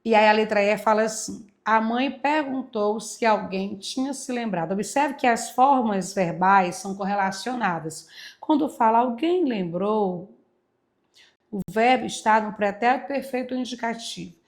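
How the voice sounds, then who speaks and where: A woman teacher walking through exam answers, emphatic, stretching key words out slowly and answering her own questions. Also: on the high side. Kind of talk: exam walkthrough lesson.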